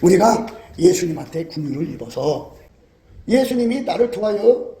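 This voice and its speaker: A man's voice: high-pitched, sing-song, moderate pace, mellow, reverberant, a little hiss or hum. A man preaching a sermon with emphasis, prodding his listeners with rhetorical questions and laughing often as he talks.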